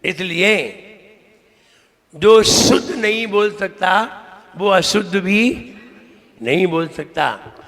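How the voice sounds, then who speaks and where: A man's voice: high-pitched, a bit bright. A man, a Jain monk, giving a sermon-style pronunciation lesson in a temple hall, teasing listeners and repeating words to drill them. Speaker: Jain monk teaching recitation. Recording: long hall reverb.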